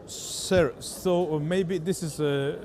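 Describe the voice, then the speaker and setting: Halting male interviewer with an Azerbaijani accent. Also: fairly high pitch, fairly even intonation, a crowd in the background. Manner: halting, hesitant, frequent fillers in non-native English. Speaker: interviewer, TV journalist. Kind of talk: on-site interview questioning.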